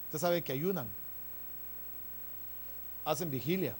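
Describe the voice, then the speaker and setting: High-voiced preaching pastor. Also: male voice, slow, a little mellow, a little hiss or hum. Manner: preaching with frequent "hermano" asides, rising emphasis. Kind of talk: sermon.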